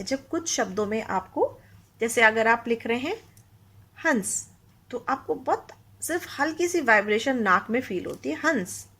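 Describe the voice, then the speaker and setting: A woman's voice: on the high side, a bit bright, husky. A woman teaching a Hindi grammar lesson to young children, explaining patiently, asking the class questions and mixing English words into her Hindi.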